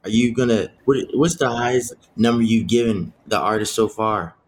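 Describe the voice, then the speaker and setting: Male panelist, deep voice, earnest and halting, faint background noise. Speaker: podcast panelist. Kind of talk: casual podcast discussion.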